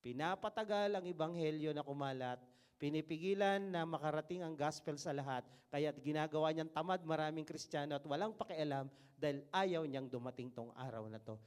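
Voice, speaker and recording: A middle-aged male pastor delivers a sermon. His voice sits a little high for a man. He preaches in an animated, joking way and reads scripture aloud. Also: fairly quick, clean tone.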